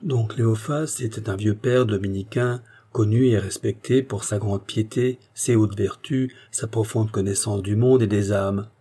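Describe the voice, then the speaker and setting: A man narrating a short story in a calm, measured manner. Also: fairly low pitch. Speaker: audiobook narrator.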